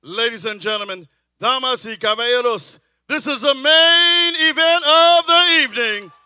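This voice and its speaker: A man working as a ring announcer, introducing boxing in a theatrical lucha libre announcer manner with drawn-out phrases. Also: very high-pitched, sharp tone, clean tone, no room sound, studio quality. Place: live boxing event.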